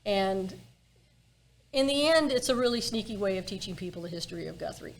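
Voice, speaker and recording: A woman's voice: mid-range voice, expressive, brisk, low-quality recording. A woman chatting casually as a tour guide in an interview, telling things in a wry, emphatic way and repeating phrases for effect. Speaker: ghost walk tour guide being interviewed. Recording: clear background ambient noise.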